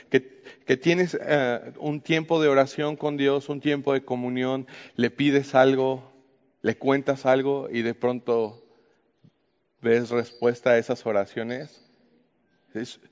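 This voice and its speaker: A man's voice: mid-range voice, a little mellow. A man with a Mexican accent teaching from the Bible in a conversational way, often asking the listener questions. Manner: talks to the listener with frequent questions. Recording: muffled with long hall reverb.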